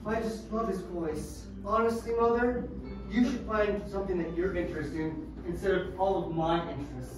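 Man as fussy daughter, high voice, distant echoey stage. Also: normal speed, lightly acted. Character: fussy grown daughter bickering with mother. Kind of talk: improv comedy sketch. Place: small basement comedy club. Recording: roomy distant stage audio with music.

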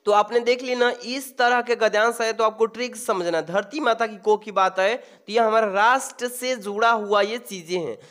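A man teaching an exam-prep lesson, walking students through a paper step by step, repeating key words slowly and calling them "babu". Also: high voice, steady tone, fairly bright tone.

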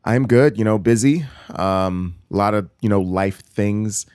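A man's voice: lowish voice, unhurried, darkish tone, smooth, no room sound, clean studio sound. A man, co-hosting a casual podcast chat in a laid-back, conversational way. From New York, Queens. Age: 30s. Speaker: podcast co-host.

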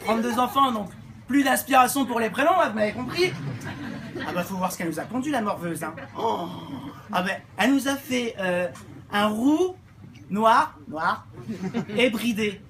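A woman's voice: on the high side, animated, moderate pace, long pauses, close to an everyday voice. A woman doing a brash, unhinged mother. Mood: rambling. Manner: brash, rambling, barks orders, filler-heavy "hein". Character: unhinged loud middle-aged mother of many kids. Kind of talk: live stand-up character sketch. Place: comedy club stage. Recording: noisy live club recording.

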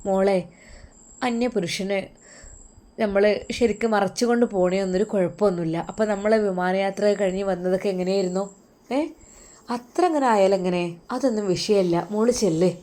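A woman's voice: mid-range voice, steady tone, normal speed, warm tone, natural voice. Motherly older lady, coaxing and bossy, malabar malayalam accent, narrator puts her on.

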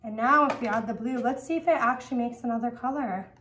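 A woman's voice: a little high, fast talker, a bit bright, a little hiss or hum. A woman demonstrating a craft in a kids show style, talking directly to young viewers and explaining each step simply. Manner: talks directly to young viewers, counting aloud. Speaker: children's craft activity presenter.

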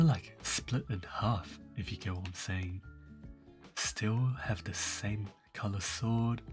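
A young man casually commenting on game cosmetics, rambling and laid-back with lots of fillers. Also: fairly low pitch. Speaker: gaming channel host. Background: faint background music.

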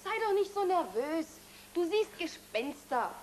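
A sweet, self-assured bride-to-be. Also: female voice, very high-pitched, sing-song, measured pace, roomy sound, a little hiss or hum, heavily acted. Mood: coaxing. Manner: coaxing, affectionate, lightly teasing. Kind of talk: 1970s stage farce acting.

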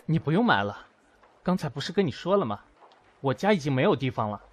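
A voice actor in an amateur audio drama, a man with a slightly high voice, big pitch swings and a fast delivery, plays a proud, wounded math teacher rejecting his former lover. He sounds curt, cool, annoyed and insistent. Music plays behind him.

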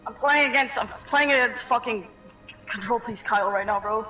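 Young-sounding male gamer, very high and bright voice, rapid profane chatter, a bit distant from the mic. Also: soft background music. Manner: frantic, heavy swearing. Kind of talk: casual gaming chat.

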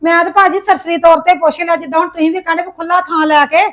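A woman's voice: extremely high pitch, fairly even intonation, very fast, a bit bright. A woman playing a visiting sister-in-law in a home-made family drama, coaxing and defensive as she argues over land. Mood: pleading. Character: pushy but placating aunt from the village.

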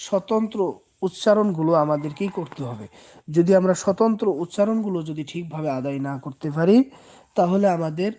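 This Quran teacher, who has a Bangladeshi Bengali accent, leads a slow recitation lesson one step at a time, patiently repeating letters and drawing out their sounds. He speaks fairly quickly in a high, warm voice.

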